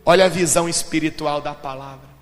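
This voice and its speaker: A man preaching a sermon as pastor, dramatic, moving between shouted lines and low, intense speech. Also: fairly even intonation, fairly quick. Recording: long hall reverb with faint music.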